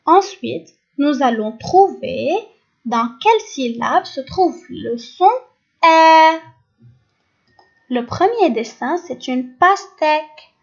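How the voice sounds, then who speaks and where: A woman teacher with a Lebanese French accent, giving a phonics lesson and pronouncing each sound and syllable very slowly and clearly. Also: sits high, lively intonation. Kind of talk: recorded phonics lesson for young pupils. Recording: dull lo-fi recording.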